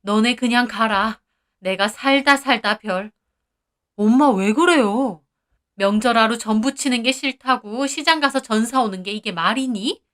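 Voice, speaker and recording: A woman's voice: on the high side, a bit bright. Woman reading as a stern scolding mother-in-law. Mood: angry. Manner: slow, reproachful scolding.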